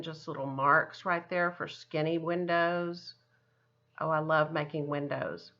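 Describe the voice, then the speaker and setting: A woman art teacher leads children through a craft lesson step by step, using simple, encouraging words and often thinking aloud. Her voice is low-pitched, pushed, and bright, and the recording is dull and lo-fi.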